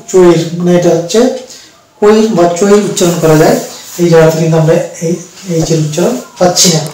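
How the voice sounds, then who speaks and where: Bengali guy teaching english sounds, highish voice, super echoey room, kinda far off the mic. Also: a little mellow. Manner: slow, repetitive explaining with fillers. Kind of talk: spoken pronunciation lesson.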